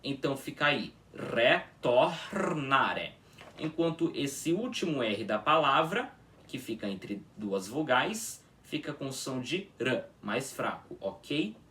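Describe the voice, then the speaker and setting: Slow, patient man teaching pronunciation. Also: mid-range voice, sing-song, sharp tone, distant mic. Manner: drawn-out patient demonstrations, frequent "tá?" checks. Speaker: language teacher.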